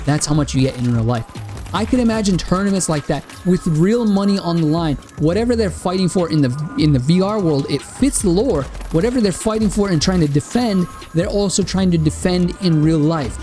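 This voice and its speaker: With soft background music behind him, a man who makes gaming content gives his viewers a casual, opinionated spoken review of a game. His high-ish voice is expressive and dark in tone at a moderate pace, though he is losing it and his mouth is dry.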